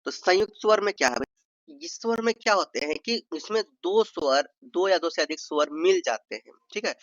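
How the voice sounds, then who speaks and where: A man's voice: sits high, expressive, normal speed, fairly bright tone, no echo, highs cut off. Playful man with a Bihari accent. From Bihar, India. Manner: playful, stretches vowels to demonstrate, addresses viewers as brother. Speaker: exam tutor. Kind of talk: informal revision lesson.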